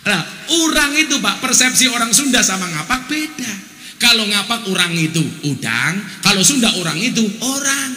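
A man with a Javanese accent giving a lively, joking sermon to a big gathering, dropping into local dialect for punchlines. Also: sits high, moderate pace. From Java, Indonesia. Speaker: preacher. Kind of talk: lively humorous sermon to a crowd. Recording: echoey large hall.

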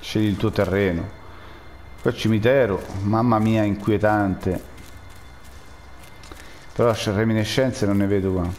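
A man's voice: lowish voice, fairly even intonation, a little slow, pauses often, darkish tone, a little hiss or hum. A man giving jittery, jokey live commentary while playing a game and talking to his chat. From Rome, Italy. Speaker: gaming streamer.

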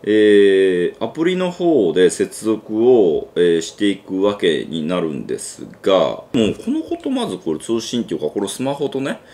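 A man's voice: fairly low pitch, sing-song, moderate pace, hardly any pauses, mellow. A man with a Kansai accent hosting a casual gadget unboxing review, chatty and thinking aloud with lots of fillers. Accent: Kansai Japanese. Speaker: gadget reviewer and channel host.

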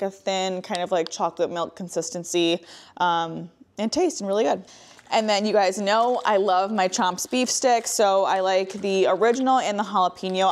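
A woman's voice: mid-range voice, a little mellow. Chatty woman in a home kitchen. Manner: chatty, upbeat, lots of "like" and "um". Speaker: lifestyle vlogger. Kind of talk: casual grocery haul chat. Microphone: clip-on lapel mic.

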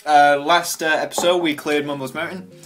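A man's voice: on the high side, level tone, normal speed, a bit bright. A young man hosting a casual gameplay walkthrough, jokey and full of hesitant uhs. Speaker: game commentator. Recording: faint game music behind.

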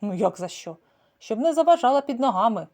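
Woman playing a cocky scruffy street tomcat, loud and swaggering, storybook voice. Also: on the high side, sing-song, fairly quick. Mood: knowing. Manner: swaggering, mock-gallant. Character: scruffy ginger male alley cat, brawler.

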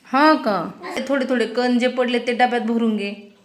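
A woman's voice: a little high, steady tone, unhurried. A woman with a Marathi accent, a vlogging mother, casually and patiently telling her children what to do. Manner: coaxing, gently instructive with children. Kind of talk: casual family vlog talk.

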